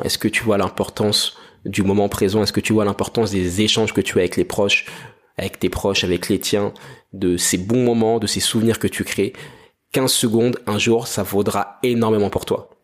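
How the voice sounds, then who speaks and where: French man, young adult, low voice, husky, earnest motivational podcast monologue. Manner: earnest, motivational, addresses listener directly. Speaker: podcast host. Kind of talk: reflective monthly podcast monologue.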